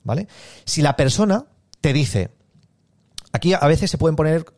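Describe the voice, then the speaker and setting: A man's voice: a little high, expressive, a little mellow, no room sound, studio quality. A man giving a live online sales lesson, talking casually to listeners and acting out example sales conversations. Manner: conversational, acts out sales dialogues with pauses. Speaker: sales trainer. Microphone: close microphone.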